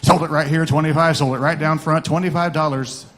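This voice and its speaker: Male auctioneer from Kansas, higher-pitched, rattling off repetitive rhythmic bid calls at very high speed. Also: steady tone, a little fast, fairly bright tone. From Kansas, United States. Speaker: auctioneer, contest competitor. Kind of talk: rapid auctioneer chant.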